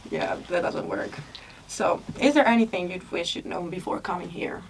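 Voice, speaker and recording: A woman's voice: on the low side, moderate pace. A young woman from Italy, hosting a student podcast and chatting casually, often laughing. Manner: relaxed, asks questions, laughs often. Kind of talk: casual chat. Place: school room. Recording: distant mic, noisy background.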